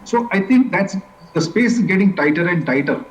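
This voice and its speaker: A man's voice: high-pitched, lively intonation, moderate pace. A man with an Indian accent offering hesitant remarks as a panel guest, padded with filler phrases. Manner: hesitant, frequent "you know, like". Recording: echoey, distant, faintly noisy call.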